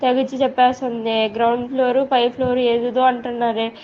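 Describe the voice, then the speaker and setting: A young woman, a hostel student on a phone call, frightened and close to tears, pleading and rushing through anxious reports. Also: fairly high pitch, little pitch movement. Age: young adult. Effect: heard over a phone call. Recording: muffled phone line with faint background noise.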